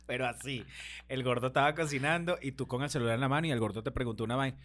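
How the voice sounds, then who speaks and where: A man's voice: medium pitch, very fast, a bit bright. A man with a Venezuelan accent chatting casually as host, teasing his guest playfully and mimicking voices. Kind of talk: casual chat.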